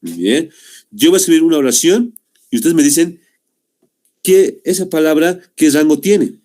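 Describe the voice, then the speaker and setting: A man's voice: fairly high pitch, lively intonation, moderate pace, dark tone. A young man teaching a class over a video call, explaining patiently and checking in with "¿no?" after each point. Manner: explanatory, repeats "¿no?" and "muy bien". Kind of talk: online class.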